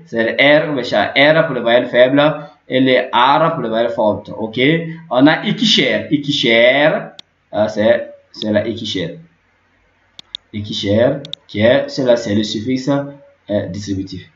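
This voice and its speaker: A man's voice: medium pitch, measured pace. A man giving a spoken language lesson, repeating each word many times with lots of fillers and "ok". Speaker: language teacher. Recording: echoey lo-fi room recording.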